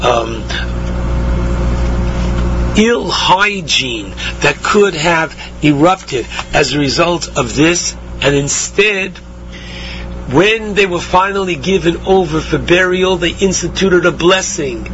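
Slow, bright-voiced New man preaching. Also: fairly high pitch, expressive. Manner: deliberate, emphatic teaching with pauses and rhetorical questions. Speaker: rabbi giving a Torah talk. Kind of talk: religious sermon on scripture and blessings. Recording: dull radio-like sound, faint hum and noise.

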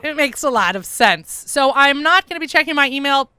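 Bright, tired-sounding woman radio host. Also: high voice, expressive, brisk, no room sound. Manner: chatty, self-deprecating, upbeat. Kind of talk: casual radio chat. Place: radio studio. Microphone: studio microphone.

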